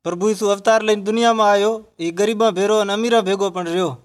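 Earnest guy with a high voice, scripted religious dialogue, explains things patiently. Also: steady tone, fast.

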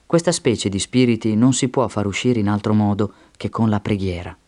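A man voicing a stern male teacher, reading his words in a solemn, measured way. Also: on the low side, a little mellow, lightly acted.

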